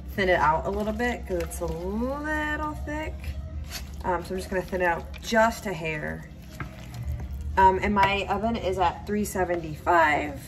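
Unhurried woman vlogging. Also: on the low side. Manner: relaxed, unhurried, frequent ums and y'all. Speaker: home cook vlogger. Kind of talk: casual cook-along narration. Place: home kitchen, indoors.

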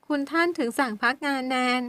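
Audiobook: woman playing a tearful young servant, trembling and high. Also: moderate pace, sharp tone, dry recording. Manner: trembling, broken voice. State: crying.

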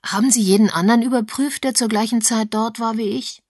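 A woman's voice: a little high, steady tone, a little fast, a little mellow, dry recording, studio quality, pitched above the performer's own voice, lightly acted. A woman reading an agitated lady sleuth. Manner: agitated, pressing.

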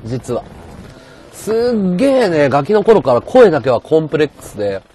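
A man livestreaming with a high-pitched voice and a sore throat, chatting bluntly and casually while reading viewer comments. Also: big pitch swings, brisk, warm tone. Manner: rough, blunt casual speech.

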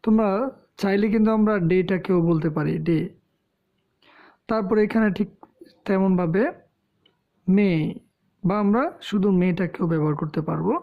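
A woman with a Bangladeshi Bengali accent teaching English pronunciation, explaining slowly with pauses and fillers. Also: medium pitch. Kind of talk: spoken lesson. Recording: dull lo-fi sound.

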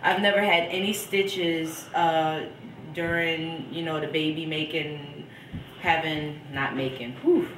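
A woman's voice: sits low, fairly even intonation, takes it slowly, distant mic, noisy background. A young woman chatting casually in a home video diary, stuffed up with a cold and laughing between thoughts. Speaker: vlogger. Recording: echoey room, from off the mic.

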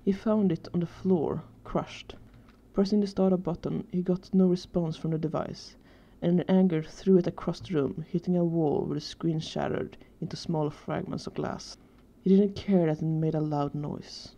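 Very dark-voiced woman reading fan fiction. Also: fairly low pitch, moderate pace, highs cut off. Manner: steady storytelling narration.

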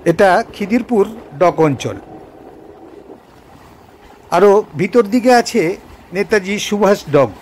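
A man's voice: high-pitched, lively intonation, slow, long pauses, darkish tone, slight background noise. A man narrating a local train journey as a travel vlogger, pointing out sights along the route. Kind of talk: calm guided narration over train footage.

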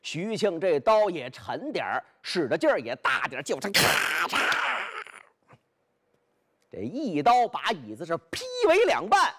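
A man performing traditional storytelling, animated and speaking directly to his listeners. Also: on the high side, a little slow, breathy edge. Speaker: pingshu storyteller.

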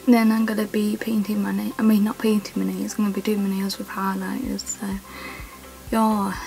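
A woman's voice: medium pitch, little pitch movement, a little fast, gravelly, mellow, faint music behind, poor audio. A young woman chatting to camera at home, rambling and giggly, correcting herself often and filling with "yeah" and "like". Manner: rambling, giggly, self-correcting with many fillers. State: voice sounds odd, she says. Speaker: vlogger. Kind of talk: casual chat to camera. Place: home, indoors.

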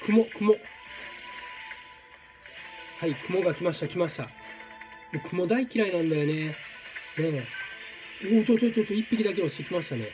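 A man commentating his own gameplay, exclaiming and repeating words in quick bursts. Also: high-pitched, lively intonation, over music. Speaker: game streamer. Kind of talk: excited let's-play commentary.

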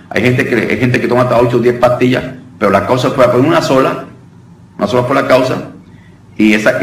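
Man preaching in a roomy hall. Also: medium pitch. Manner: conversational, often calls listeners brother, with many restarts. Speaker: deliverance minister teaching. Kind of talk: informal preaching lesson. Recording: roomy sound from a distant mic with faint noise.

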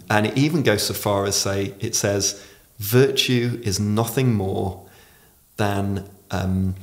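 A low-voiced man with plenty of creak talks as a podcast guest. He says his r's like w's and explains things in a reflective, conversational way. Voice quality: pronounces r as w. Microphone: podcast microphone on desk stand.

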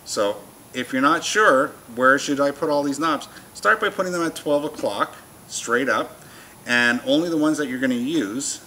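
With a bright, forceful tone, a medium-pitched man in his fifties talks at a moderate pace as a shop demonstrator. He goes over a product casually and plainly, with a folksy touch, while the indoor showroom with shelves hums noisily behind him.

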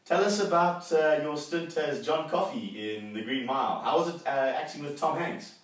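A man's voice: fairly high pitch, normal speed. A young man with a South African accent, hosting a casual, jokey interview. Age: young adult. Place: living room, indoors. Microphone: far camera. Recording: very echoey room, distant microphone.

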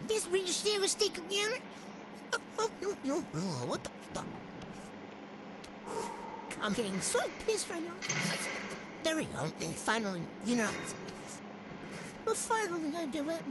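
A young gamer talking through a voice changer, rambling excitably and swearing while playing, with a cold and hiccups. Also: very high voice, normal speed, pauses often. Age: student. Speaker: gamer vlogger. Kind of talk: casual gameplay commentary. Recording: loud background noise.

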